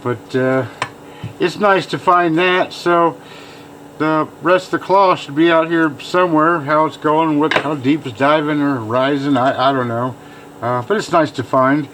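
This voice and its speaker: A man's voice: fairly high pitch, steady tone, unhurried, a bit bright, rough recording. A man giving a casual hands-on demonstration, thinking aloud informally as he works, with machine noise behind him. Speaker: fossil preparer showing own work. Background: machine hum.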